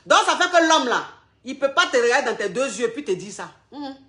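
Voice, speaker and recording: A woman's voice: high voice, sing-song, a little fast, bright, forceful tone. A woman relationship coach giving marriage advice, emphatic and repeating each point twice, with pointed questions aimed straight at her listeners.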